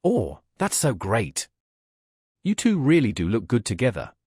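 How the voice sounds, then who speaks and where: A man voicing a warm, emotional young woman who gushes and apologizes, with a husky voice. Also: medium pitch, wildly swooping pitch, measured pace, no room sound, clean studio sound, exaggerated voice.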